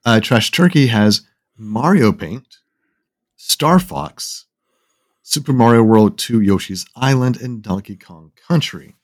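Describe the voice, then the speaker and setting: A man hosting a casual gaming podcast, talking in halting starts and reading listener lists aloud. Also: medium pitch. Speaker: podcast host.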